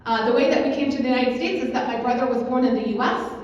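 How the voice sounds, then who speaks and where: A woman's voice: a little high, fast talker, a little mellow, far from the mic, slight background noise. A woman who grew up in Kuwait giving a persuasive talk to a convention audience, often asking them "right?". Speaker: advocacy manager speaking at a convention. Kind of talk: conference talk. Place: large convention hall. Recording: echoey hall recording from afar, dull.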